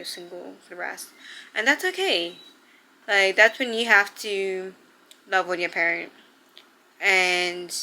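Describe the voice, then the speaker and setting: A woman's voice: fairly low pitch, bright, forceful tone, poor audio. Emotional young woman giving earnest advice. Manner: earnest, heartfelt, full of "like" fillers. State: emotional, near tears. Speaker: vlogger. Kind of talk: sit-down advice vlog.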